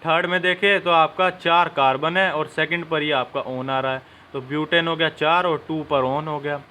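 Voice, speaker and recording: Speaking straight to his students, this young man teaches chemistry one step at a time in a classroom-style lesson. His pitch is a little high and his tone steady and sharp, at a moderate pace, with a slight hiss or hum behind him.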